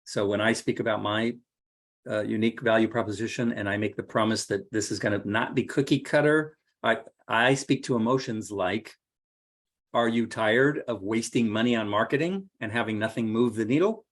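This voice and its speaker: Man, lowish voice, workshop lecture, conversational, fillers and restarts. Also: fairly even intonation, normal speed. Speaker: marketing coach teaching a workshop.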